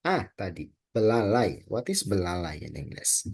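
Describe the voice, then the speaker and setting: A man's voice: sits low, very animated, a little slow, a little mellow, breathy edge. A male teacher with an Indonesian accent, leading a children's vocabulary lesson and drilling words for the class to repeat. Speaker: English teacher.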